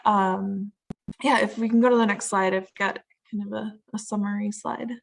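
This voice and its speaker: A woman's voice: mid-range voice, fairly even intonation, normal speed, gravelly. A woman from Minnesota giving a casual, hesitant talk on a video call, with many fillers and restarts, her audio choppy and cutting out. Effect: choppy audio that keeps cutting out. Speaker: panel speaker.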